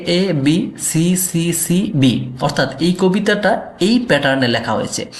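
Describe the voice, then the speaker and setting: Male exam prep teacher, higher-pitched, methodical with fillers, echoey room. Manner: methodical, repeats steps, frequent fillers and self-corrections. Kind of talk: explanatory lecture.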